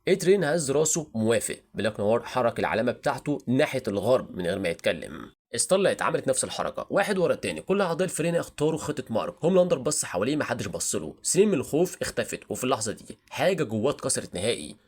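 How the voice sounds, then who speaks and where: A man's voice: mid-range voice, sing-song, racing, darkish tone. A man with an Egyptian Arabic accent narrating a scripted fan-fiction story with dramatic delivery.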